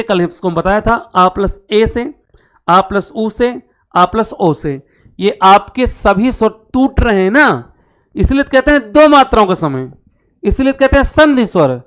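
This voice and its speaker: A man's voice: high-pitched, clear, resonant tone. A male Hindi teacher giving an exam-prep class, asking questions and answering them himself and repeating key terms.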